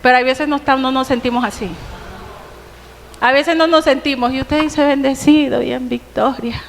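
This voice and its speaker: Colombian woman preacher, high voice, earnest sermon full of questions, reverberant church hall. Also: steady tone. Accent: Colombian Spanish. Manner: earnest, rhetorical questions, slows for emphasis.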